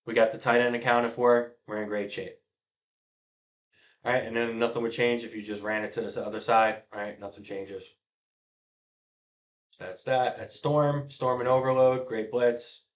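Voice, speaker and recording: A middle-aged youth football coach casually walks through blitz schemes on a diagram, his voice often fading quietly at the ends of phrases. He speaks at normal speed with a medium pitch and steady tone, pausing often.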